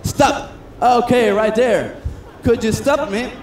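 Man, high voice, chatty self-mocking magician patter; echoey stage, noisy room. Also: slow. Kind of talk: comedic stage patter with audience. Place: cruise ship stage. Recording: echoey stage sound with noise.

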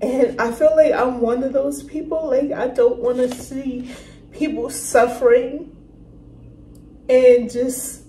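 A woman hosting a reaction video, talking earnestly and emotionally with halting, apologetic restarts. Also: sits high, steady tone. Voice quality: emotional, soft-spoken. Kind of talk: casual reaction commentary. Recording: roomy room with faint noise.

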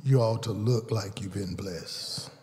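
A man, preaching a sermon as pastor and calling out to the congregation, often building louder and higher for emphasis. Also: unhurried. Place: large church sanctuary. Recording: long reverb of a large hall.

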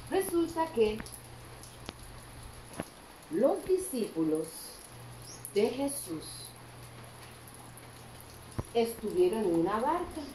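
A woman teaching a Bible story to children in Sunday school, telling it with lively expression and asking the kids questions along the way. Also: sits high. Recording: roomy echo, distant mic, faint background hum.

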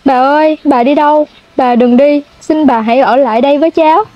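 A woman's voice: high voice, fairly quick, close to an everyday voice. A young woman voicing a remorseful young village boy who begs his grandmother, as in a storybook. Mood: pleading. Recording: dull lo-fi sound.

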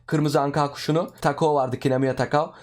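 A man's voice: a little high, brisk. Chatty young man narrating his gameplay. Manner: chatty, excitable, talks to viewers as friends. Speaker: gaming YouTuber. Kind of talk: casual game commentary.

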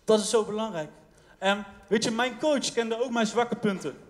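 A man with a high voice delivers a lively sermon to his congregation, repeating phrases for emphasis and calling out to the church. His voice rings through a large church hall with a long reverb. He speaks with a Dutch accent. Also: moderate pace. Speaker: pastor.

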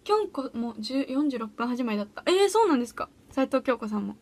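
A woman's voice: sits high, very animated, fast talker, a little mellow. A teenage girl chatting casually on a solo livestream from a small room at home, bubbly and giggly as she reacts to viewer comments. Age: teens. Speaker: audition livestreamer.

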